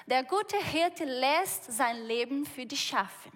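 A woman gives a sermon in a high voice, talking slowly and feeling her way through each sentence. She often breaks off and starts her words again. The sound rings with the long reverb of a large hall. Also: expressive, fairly bright tone. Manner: slow, searching storytelling with frequent restarts. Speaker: preacher.

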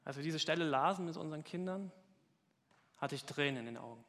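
A man's voice: a little high, fast, fairly bright tone, long reverb tail. A man reading a story aloud with dramatic emphasis during a talk.

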